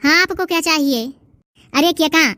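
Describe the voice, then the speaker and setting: A woman's voice: sits high, moderate pace, sharp tone, no echo, studio quality. A woman voicing an impatient young shopkeeper in a cartoon, curt and mocking with her customers. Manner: curt, mocking, standard Hindi speech. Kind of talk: cartoon dub voice acting.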